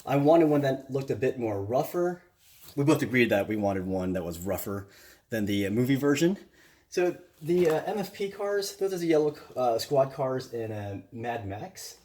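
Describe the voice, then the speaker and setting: A man's voice: mid-range voice, very animated, moderate pace, darkish tone. A man hosting a casual unboxing vlog, chatty and loose, with lots of fillers, moving around the camera mic as he works. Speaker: vlogger.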